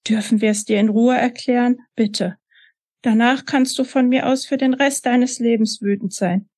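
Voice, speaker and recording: A woman reading the part of a father who speaks calmly and pleads to be heard. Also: on the high side, normal speed, no room sound, clean studio sound, close to an everyday voice. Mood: pleading. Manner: calm, pleading. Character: father, calm, pleading, tearful.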